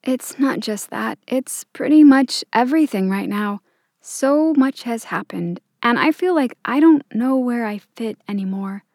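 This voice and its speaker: A woman's voice: fairly high pitch, expressive, unhurried, a little mellow, dry recording, clean studio sound, pitched above the performer's own voice. A woman voicing a young woman fairy who speaks hesitantly and earnestly. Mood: unsure. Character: young woman fairy, unsure and self-doubting.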